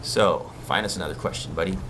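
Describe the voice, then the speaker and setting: Relaxed Hawaiian-raised surf coach, low voice. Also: male voice, quick pace, slight background noise. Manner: relaxed, chatty, reads viewer questions aloud. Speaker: surf coach hosting a live stream. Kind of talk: casual live-stream Q&A.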